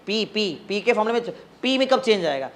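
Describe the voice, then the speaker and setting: A man's voice: high voice, big pitch swings, brisk. A male physics tutor, teaching a live class in a coaching classroom, quizzing students and repeating phrases to drive points home.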